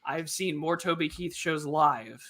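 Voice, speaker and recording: Man, podcast co-host, loose and jokey, bright, slightly higher pitch. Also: measured pace. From United States. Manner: rambling, joking, many fillers and restarts. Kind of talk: casual chat.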